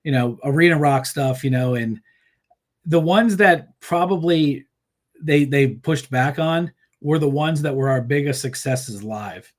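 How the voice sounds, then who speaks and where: This musician, a guest on an interview show, talks casually and rambles about his band, using plenty of fillers and restarts. His fairly high-pitched voice moves unhurriedly, and he laughs easily while telling animated stories.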